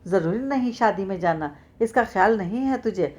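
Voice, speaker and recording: A woman's voice: mid-range voice, normal speed, close to an everyday voice. A woman reading the part of a stern young man who brusquely gives orders and scolds at home. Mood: scolding. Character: stern young village man, doctoring his wife.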